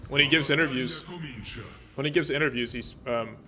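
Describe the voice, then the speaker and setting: A male streamer talks through his game in a loose, rambling way, full of fillers and restarts. His pitch sits in the middle for a man. Faint game music runs underneath. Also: moderate pace, sharp tone. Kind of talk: casual gameplay commentary.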